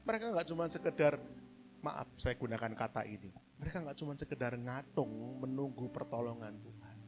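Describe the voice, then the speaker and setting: A man preaching a sermon in a church, acting out loud pleading voices and then dropping to hushed, reflective talk. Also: medium pitch, lively intonation, a little fast. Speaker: pastor. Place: church hall.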